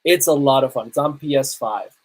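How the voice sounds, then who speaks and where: Speaking a little fast in a medium-pitched voice, a man in his thirties hosts a casual solo podcast on pop culture and games. He sounds conversational, enthusiastic and emphatic.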